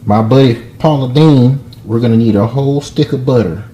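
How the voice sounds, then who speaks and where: A man putting on a Southern drawl to play a folksy country cook giving a joking cooking lesson in a deadpan way. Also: medium pitch, moderate pace, natural voice. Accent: put-on Southern US drawl. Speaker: home cook. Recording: echoey room with faint noise.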